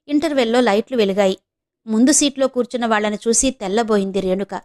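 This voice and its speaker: A woman from Visakhapatnam narrating a novel in a steady storytelling voice. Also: a little high. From Visakhapatnam, India. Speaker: audiobook narrator. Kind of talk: novel reading.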